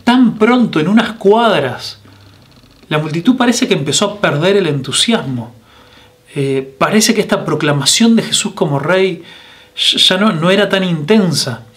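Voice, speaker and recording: A man with a Rioplatense Spanish accent delivers a sermon in a somewhat high voice. He is earnest and asks his listeners direct questions, with frequent restarts and fillers along the way. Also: lively intonation, unhurried, fairly bright tone. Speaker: pastor. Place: church broadcast, recorded for online meeting.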